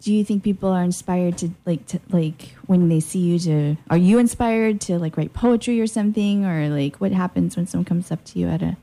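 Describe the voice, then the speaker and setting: A woman's voice: on the low side, a little fast, hardly any pauses, dark tone. A woman hosting a radio show, chatting casually with a guest in a playful, goofy, informal way. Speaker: radio host and DJ interviewing a guest. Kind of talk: casual, jokey radio chat.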